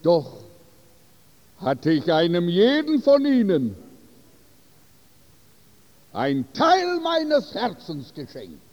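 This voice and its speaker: A man's voice: sits high, wildly swooping pitch, drawn-out words, long pauses, darkish tone, long reverb tail, dull audio, exaggerated voice. A man voicing a remorseful young groom who speaks sadly and apologetically. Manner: subdued, apologetic.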